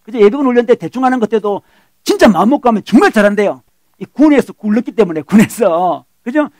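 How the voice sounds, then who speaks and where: A middle-aged male pastor preaching a sermon in Korean, animated, acting out quoted lines and checking in with the congregation. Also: sits high, quick pace, no room sound.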